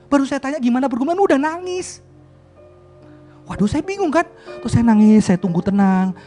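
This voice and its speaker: Animated preacher man. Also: moderate pace, soft background music. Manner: storytelling with acted dialogue, addresses congregation as brothers and sisters; wide swings in pitch and loudness, chuckles often. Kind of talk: sermon.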